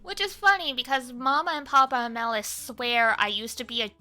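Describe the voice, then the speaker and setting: A brisk, slightly high-pitched young woman streams a casual, chatty ramble full of fillers. Soft cafe music sits in the background.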